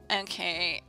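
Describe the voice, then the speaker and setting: A woman's voice: high-pitched, sharp tone, husky. A woman chatting casually and playfully with viewers as she streams a video game, giggly in manner. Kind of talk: casual livestream game commentary and chat.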